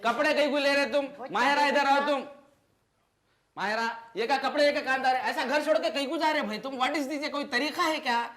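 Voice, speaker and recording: A man's voice: extremely high pitch, steady tone, brisk, fairly bright tone. A man playing a pleading, henpecked son with a Hyderabadi accent. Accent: Hyderabadi Urdu. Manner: pleading, placating. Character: henpecked son caught between wife and family.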